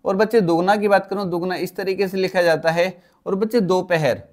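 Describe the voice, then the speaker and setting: A man's voice: high-pitched, fairly even intonation, brisk. A male teacher giving an exam-prep spelling lesson, steadily explaining and calling his students "kids" again and again.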